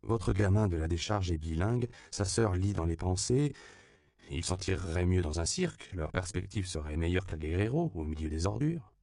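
Cool, low, dismissive male doctor read by a man. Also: lively intonation, normal speed, creaky, a little mellow, dry recording. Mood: sardonic. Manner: dry, dismissive.

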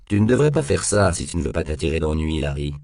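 A man's voice: extremely low pitch, big pitch swings, fast, creaky, a little mellow, no room sound, clean studio sound, heavily acted. A man voicing a sardonic, hard-nosed police detective interrogating a suspect in a cool, needling tone in an audiobook. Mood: pressing. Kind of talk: audiobook character voice.

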